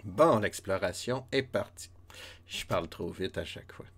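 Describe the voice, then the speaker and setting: A man with a deep, husky voice and a Québécois French accent streams a retro game live at a normal speed, counting steps under his breath and chatting with his viewers.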